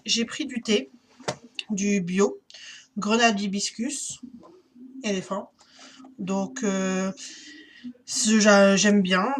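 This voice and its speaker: A woman's voice: fairly high pitch, slight background noise. A woman chatting casually through a shopping haul, hesitant and full of fillers. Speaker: YouTuber.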